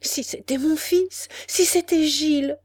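A woman's voice: high-pitched, lively intonation, normal speed, mellow, no echo, pitched above the performer's own voice. Woman voicing an anguished old widow. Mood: eager. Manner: pleading, exclaiming. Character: poor old widowed mother, anguished and pleading.

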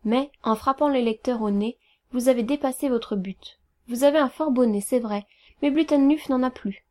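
A woman reading aloud, voicing an old father who admonishes his son in a measured tone, close to her own voice. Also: sits high, mellow, lightly acted. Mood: admonishing. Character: sober, lecturing old father, a man. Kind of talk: audiobook reading.

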